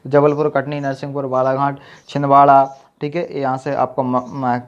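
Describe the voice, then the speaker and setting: A man's voice: mid-range voice, flat delivery, normal speed. A man teaching an exam-prep lesson with memory tricks, who keeps saying "okay" and quizzes the listener as he goes. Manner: repeats "ठीक है" and quizzes the viewer. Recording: dull lo-fi sound.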